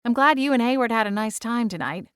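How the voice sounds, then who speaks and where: A woman's voice: fairly high pitch, animated, quick pace, clean tone, no echo, close to an everyday voice. Friendly young female lead, acted by a woman narrator, wry and casual, dry audiobook sound. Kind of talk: audiobook character voice.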